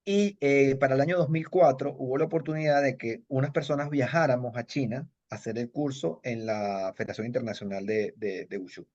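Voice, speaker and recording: A middle-aged Venezuelan man, a kung fu master and judge, speaks Spanish with a Venezuelan accent as he recalls his past in a casual storytelling interview. He talks at a brisk clip and rambles, circling back with fillers and restarts; his voice is medium-pitched and darkish, and the audio is dull and lo-fi like a video call.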